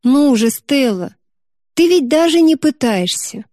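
A woman voicing a gentle, responsible teenage older sister who coaxes patiently. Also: fairly high pitch, unhurried, no room sound, studio quality. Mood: exasperated. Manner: patient, coaxing.

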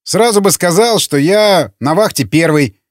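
A man's voice: sits high, expressive, measured pace, dry recording, studio quality, voice pushed up. A man voicing a younger male raider who is chatty, teasing and grumbling.

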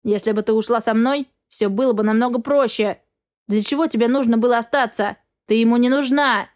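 A woman's voice: fairly high pitch, brisk, a little mellow, close to an everyday voice. A woman voicing a secretive, blunt young man who is a cat-like shapeshifter in an audiobook. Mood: defensive. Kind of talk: audiobook character reading.

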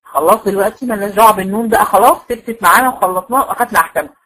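A woman's voice: mid-range voice, racing, bright, forceful tone, poor audio. A woman with an Egyptian Arabic accent teaching a Quran recitation class, explaining each point step by step and repeating it to check that it is understood. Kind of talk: classroom lecture.

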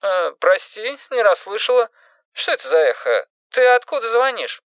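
A man voicing a brisk, opinionated elderly woman for a storybook reading, speaking in a matter-of-fact, weighty way. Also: high-pitched, very animated, fairly bright tone, no echo, pitched above the performer's own voice.

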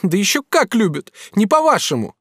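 A man's voice: high-pitched, sing-song, moderate pace, a bit bright, no room sound, studio quality, voice pushed up, exaggerated voice. A man playing a proud, devoted young maidservant. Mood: indignant. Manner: emphatic, pleading, rising exclamations. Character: young woman servant, devoted, proud, quick-tempered. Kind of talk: audiobook character reading.

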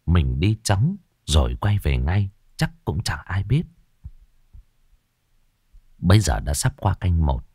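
A man narrating an audio story in a measured, expressive way. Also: low-pitched, no echo, studio quality.

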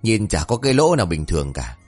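A man voicing a cheeky, talkative young male villager who speaks in a raised, whiny, excitable voice. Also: deep voice, fast talker, breathy edge, faint music behind, full character voice. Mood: tattling.

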